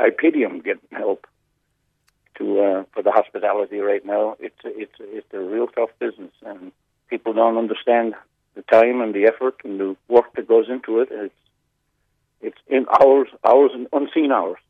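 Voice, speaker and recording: A man's voice: on the low side, steady tone, moderate pace, slightly rough, no echo. Irish-American man on a phone line. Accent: North Cork Irish with an American twang. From North Cork, Ireland. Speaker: radio phone-in guest, pub owner. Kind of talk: casual chat. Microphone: telephone. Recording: narrow-band radio phone line.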